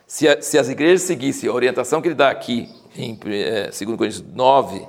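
A man with a Brazilian Portuguese accent teaching the Bible in a conversational, informal way, reading scripture slowly and emphatically and dwelling on its irony. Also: mid-range voice. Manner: animated, informal, leans into irony and sarcasm.

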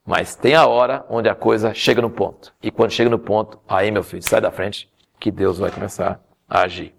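A man preaching a sermon, telling the story with animated humor. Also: fairly low pitch, moderate pace, vocal fry. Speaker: pastor.

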